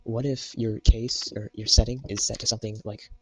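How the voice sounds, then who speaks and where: A young man types at his computer while giving a casual, screen-recorded coding tutorial full of jokes and memes. His voice is fairly low with a level tone and a normal speed, and there's heavy background noise.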